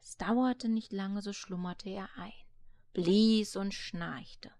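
A woman reading a fairy tale aloud in a calm, measured storytelling voice. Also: mid-range voice, no room sound, studio quality.

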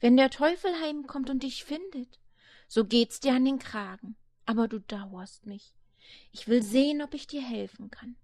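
A woman voicing a kindly old grandmother in a read-aloud fairy tale, speaking slowly and softly, sometimes in a whisper. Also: a little high, natural voice. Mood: hushed. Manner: hushed, slow and soothing, at times whispered. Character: soft-spoken old grandmother, kindly and soothing.

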